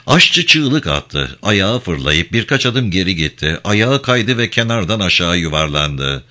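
A man reading a thriller novel aloud as an expressive audiobook narrator. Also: low-pitched, normal speed. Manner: expressive, dramatic.

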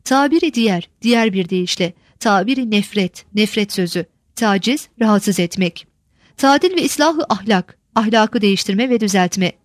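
Woman, measured glossary reader, headwords stressed, dry booth sound. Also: dry recording. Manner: measured, list-like reading, stresses each headword higher. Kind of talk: reading a glossary of old words.

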